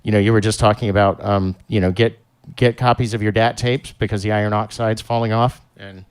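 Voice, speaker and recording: A man's voice: on the low side, steady tone, brisk, clean tone. A man hosting a live-streamed show, chatting casually and rambling, with lots of fillers and restarts. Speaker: show host.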